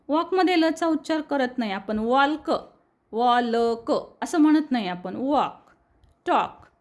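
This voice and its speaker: A woman with a Marathi accent, teaching English reading to students and slowly repeating each word for them. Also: sits high. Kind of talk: explaining a lesson on screen.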